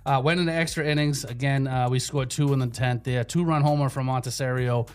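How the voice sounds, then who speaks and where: A man hosting a sports show, chatting casually and slangily like an excited fan. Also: medium pitch, a little fast, soft background music. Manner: slangy, enthusiastic fan talk. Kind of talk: casual sports banter and commentary.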